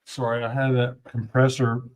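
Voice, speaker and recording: A man talking in a casual online discussion, arguing a point deliberately with some restarts, while his audio cuts out and the volume rises and falls unevenly. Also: medium pitch, level tone, low-quality recording. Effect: audio cutting out, uneven volume.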